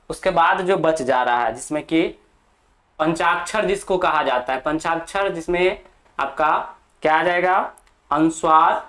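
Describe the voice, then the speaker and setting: Medium in pitch and a bit bright, the teacher's voice carries a grammar lesson for exam students. Everything is dictated slowly and deliberately for notes, with the key terms said more than once and frequent checks on the class.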